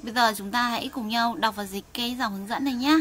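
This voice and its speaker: A woman's voice: fairly high pitch, fairly bright tone, a little hiss or hum. Woman teaching Korean, patient drill. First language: Vietnamese. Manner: slow, patient, drills sounds for students to repeat. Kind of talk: online language lesson, reading aloud for learners.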